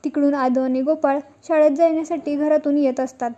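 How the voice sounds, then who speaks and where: A woman narrating a recap of a TV serial episode, retelling the scenes in a steady storytelling manner. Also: sits high, a little fast, lo-fi sound.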